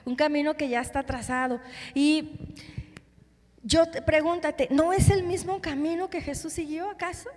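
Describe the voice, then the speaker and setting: Una predicadora con acento mexicano y voz bastante aguda predica en una sala con mucha reverberación. Hace preguntas a los fieles y cuenta cada escena con emoción. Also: female voice, sits high, moderate pace. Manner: asks the congregation questions, retells scenes with feeling. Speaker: preacher. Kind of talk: sermon. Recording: long hall reverb.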